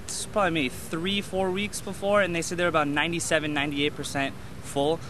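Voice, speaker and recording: A nineteen-year-old man with a fairly high voice talks quickly and chattily. City traffic clearly fills the background outdoors. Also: little pitch movement. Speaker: university student. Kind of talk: interview answers. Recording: urban outdoor traffic noise.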